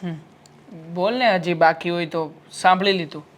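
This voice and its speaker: A man playing a calm, placating husband. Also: sits high, moderate pace, close to an everyday voice. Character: patient husband caught between wife and mother.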